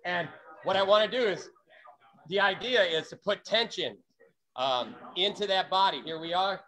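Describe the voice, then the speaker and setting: Bright-voiced man coaching on a video call. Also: high voice, moderate pace. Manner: demonstrates with sharp shouted breaths. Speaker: fight practice coach.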